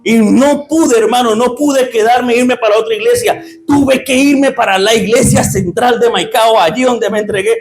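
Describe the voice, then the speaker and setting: In a church before his congregation, a Colombian pastor with a Santander accent preaches his testimony in an extremely high voice at normal speed, hardly pausing. He keeps addressing listeners as "brother" and often bursts into fervent shouting, with soft background music behind him.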